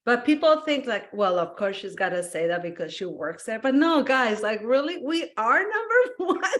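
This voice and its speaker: A woman's voice: a little high, very animated, moderate pace, fairly bright tone. A woman from Peru, a guest in a casual interview chat, telling stories with animation, acting out quotes and laughing often. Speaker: guest, wellness business owner.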